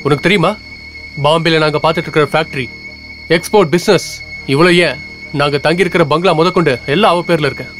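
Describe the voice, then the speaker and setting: A man's voice: fairly high pitch, fast talker, long pauses, a bit bright, natural voice. An actor playing a greedy young man who schemes to marry a rich girl, speaking in a sneering, mocking way. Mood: scheming. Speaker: film character. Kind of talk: Tamil film dialogue. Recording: film soundtrack with music underneath.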